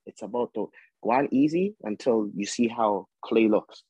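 A young man with a husky edge to his voice talks sports casually. His delivery is slangy and emphatic, ready to argue, and the sound is close and dry. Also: lowish voice, normal speed, warm tone, no room sound, lo-fi sound. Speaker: sports podcast panelist.

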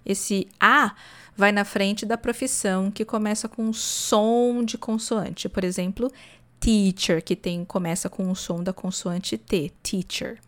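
A Brazilian woman with a Brazilian Portuguese accent, a native Portuguese speaker, teaching English in a podcast lesson, explaining slowly and demonstrating pronunciation. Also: mid-range voice, steady tone, fairly bright tone.

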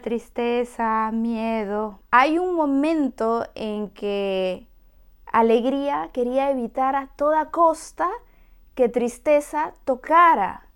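A woman hosting a motivational podcast, speaking in an expressive, encouraging way to her listeners. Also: fairly high pitch, smooth. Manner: expressive and encouraging, acts out voices of adults soothing children. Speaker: podcast host.

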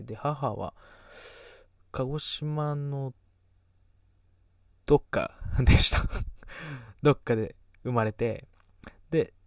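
A man's voice: mid-range voice, vocal fry, no room sound, far from the mic. A nineteen-year-old man from Kagoshima with a light Kagoshima accent, chatting casually as a podcast host, rambling and losing his thread. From Kagoshima, Japan. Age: teens. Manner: rambling, self-deprecating, trails off mid-thought. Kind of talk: casual chat.

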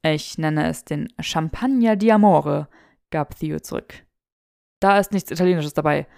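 A woman's voice: sits low, unhurried, vocal fry, darkish tone, smooth, no room sound, clean studio sound, voice pushed down. A woman voicing a mischievous young wizard who talks in a teasing, showy, mock-indignant way.

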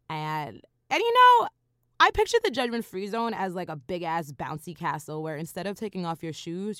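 Woman, 30s, podcast host, low-ish voice that swings widely, swears and laughs freely, dry close mic. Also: dry recording. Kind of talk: casual solo podcast monologue.

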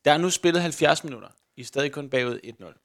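Bright-voiced man commentating a game. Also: on the high side, expressive. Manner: builds up play-by-play like match commentary. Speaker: game master. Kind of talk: narrating a tabletop-style football game.

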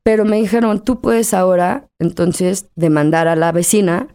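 A woman's voice: on the low side, fairly even intonation, moderate pace, warm tone, smooth. A middle-aged woman with a Mexican accent, a guest in an interview, telling a personal story candidly and emotionally, acting out the dialogue as she goes.

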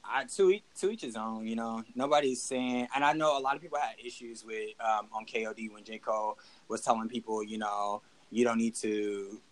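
A man's voice: mid-range voice, brisk, hardly any pauses, poor audio. A man co-hosting a podcast, talking casually and emphatically about rap music, with sudden rising bursts. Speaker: podcast co-host. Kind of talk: casual hip hop debate.

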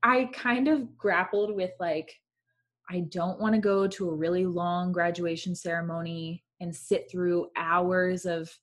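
A woman's voice: fairly low pitch, steady tone, unhurried. A woman in her twenties chatting casually and reflectively as a guest, with many fillers. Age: 20s. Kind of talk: casual chat.

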